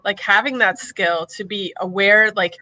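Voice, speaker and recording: A woman's voice: mid-range voice, steady tone, unhurried, pushed and bright, no echo, low-quality recording. A woman hosting a live podcast, enthusiastic and chatty, with lots of "like" fillers. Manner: enthusiastic, filler-heavy, says "like" often. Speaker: podcast host.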